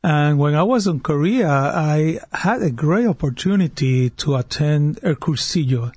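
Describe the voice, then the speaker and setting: A man's voice: fairly high pitch, expressive, a little slow, a little mellow, breathy edge, no echo. A man in his fifties from Puerto Rico with a Puerto Rican Spanish accent, a guest on a radio interview, speaking earnestly and often repeating words as he restarts. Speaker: guest, diocesan worship director. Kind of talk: radio interview, personal story.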